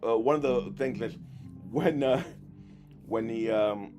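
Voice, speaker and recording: A man hosting a podcast in casual chat, telling stories in a halting, rambling way with many restarts. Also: mid-range voice, over music. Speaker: podcast host.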